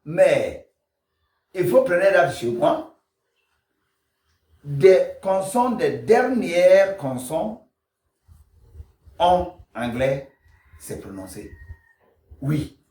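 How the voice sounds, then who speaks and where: A man teaching pronunciation, slowly drilling and repeating sounds, recorded at a distance in an echoey room. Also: on the high side, big pitch swings, darkish tone. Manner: slow, repetitive drilling of sounds. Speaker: language teacher. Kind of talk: pronunciation lesson.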